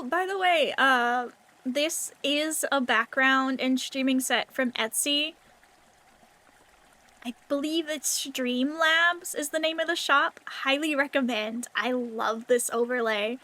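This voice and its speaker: A woman's voice: high-pitched, slow, sharp tone. A woman livestreamer rambling casually to her viewers in a cute, anime-streamer manner.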